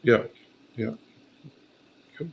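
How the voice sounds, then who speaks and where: A male livestream host, croaky this morning, asks casual interview questions at a very slow pace. He's easygoing, hedges his questions and says "cool" a lot.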